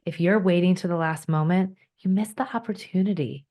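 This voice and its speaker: A woman's voice: on the low side, a little fast, a little mellow. A woman accountant answering questions as a podcast guest, speaking in a direct, practical, matter-of-fact way. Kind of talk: casual interview chat.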